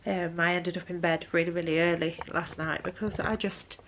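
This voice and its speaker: A young woman chats in a casual vlog update, tired and hesitant, with many ums. Her voice sits a little low, and she talks close to the camera. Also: level tone, moderate pace, slight background noise. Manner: hesitant, lots of ums, soft and weary. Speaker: book vlogger.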